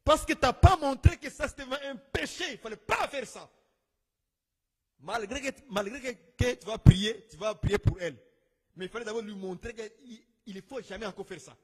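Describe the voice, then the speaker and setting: A man preaching an exhortation, swinging between shouted rebukes and quiet asides. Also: moderate pace, husky. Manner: exhorting, rising into shouts then dropping low. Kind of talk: sermon. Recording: long hall reverb.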